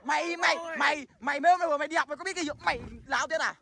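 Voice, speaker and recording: A performer voicing a brash young male skeleton who lectures his friends and shouts at them in a cartoon skit. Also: high-pitched, rapid-fire, creaky, full character voice. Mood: scolding. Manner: scolding, lecturing, bursting into shouts.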